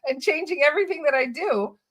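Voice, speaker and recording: A woman talks as a hypnotist and spirit release practitioner in a casual interview. Her voice sits high and sounds bright and forceful. She tells stories with animation, acts out quotes and swears offhandedly. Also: animated, fast.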